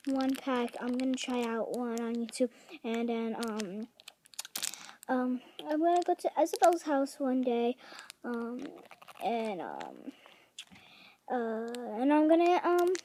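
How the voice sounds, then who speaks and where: Slow, high-voiced woman eating sour candy. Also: dark tone, slight background noise, low-quality recording. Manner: hesitant, with many pauses and ums. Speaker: amateur video blogger. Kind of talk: casual vlog to camera.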